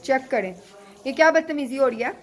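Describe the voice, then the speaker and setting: A high-pitched woman in her thirties, a vlogger and mother with a Pakistani Urdu accent, talks a little fast over a slight hiss or hum. She chats casually in a home vlog, scolding and coaxing her children at home and in a restaurant.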